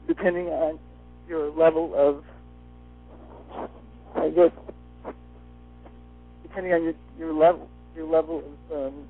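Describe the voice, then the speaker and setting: High-voiced man talking with a retainer in. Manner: talking with a dental appliance in the mouth, like wearing a retainer. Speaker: interview guest. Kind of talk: personal testimonial in conversation. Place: phone call. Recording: muffled phone line, faint music behind.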